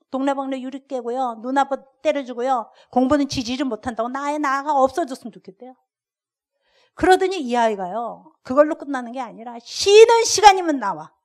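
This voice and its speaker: An older woman, a guest lecturer, preaching a sermon and telling lively stories with acted-out dialogue. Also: fairly high pitch. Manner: animated storyteller acting out dialogue. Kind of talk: sermon with storytelling.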